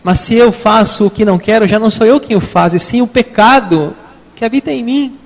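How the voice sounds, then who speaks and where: A man's voice: high-pitched, brisk, vocal fry. A man with a Brazilian Portuguese accent teaching an evening theology class. He talks conversationally and keeps asking his listeners questions. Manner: conversational, asks the class questions, frequent tag questions. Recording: long hall reverb.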